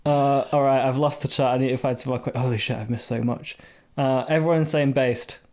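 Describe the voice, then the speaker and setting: A man co-hosting a casual podcast interview, chatty and quick to laugh, asking long, rambling questions. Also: medium pitch, fairly even intonation, a little mellow. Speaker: podcast co-host.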